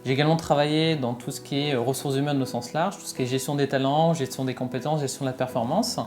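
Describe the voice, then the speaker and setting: A man in his thirties from northern France, a fashion brand co-founder, speaking in a casual promotional interview and often pausing with fillers and restarts. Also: medium pitch, steady tone, darkish tone, soft background music. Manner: hesitant, many fillers and restarts.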